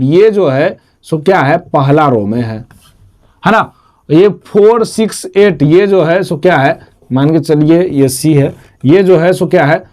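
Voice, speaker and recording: Teaching math, this man repeats every term and answers his own questions in a repetitive, self-quizzing way. His voice is high-pitched and a little mellow.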